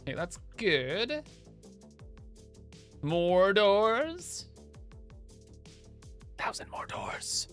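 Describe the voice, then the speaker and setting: A man's voice: sits high, sing-song, very slow, long pauses, a bit bright, faint music behind. A young man livestreaming over a headset mic, thinking aloud in a casual, chatty way while he builds in a game.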